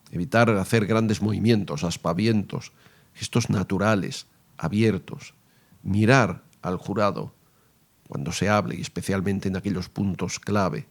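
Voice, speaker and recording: Spanish guy from spain explaining courtroom speaking, lowish gravelly voice, calm and measured. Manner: measured, reads quoted advice aloud. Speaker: lawyer teaching courtroom speaking. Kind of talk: explanatory lesson reading out examples.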